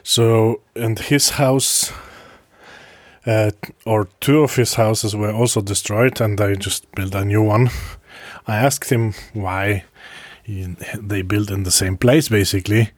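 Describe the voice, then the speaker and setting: A man telling a casual travel diary at a slow, unhurried pace, his voice sitting on the low side. He halts often, restarting phrases and slipping in soft chuckles. The sound is close and dry, with no room around it. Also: fairly even intonation, no echo. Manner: halting, with frequent pauses and restarts. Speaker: traveler recording a video diary.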